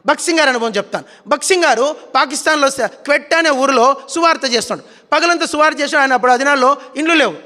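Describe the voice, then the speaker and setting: A man's voice: very high voice, quick pace, few pauses, sharp tone. A man preaching a sermon in Telugu style, telling stories animatedly and acting out scenes. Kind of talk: sermon with storytelling. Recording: reverberant hall.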